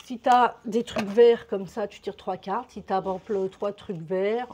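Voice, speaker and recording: A woman's voice: medium pitch, steady tone, measured pace, dark tone, slight background noise. A woman with a French accent chatting casually to camera as a vlogger, rambling and swearing lightly, a little out of breath.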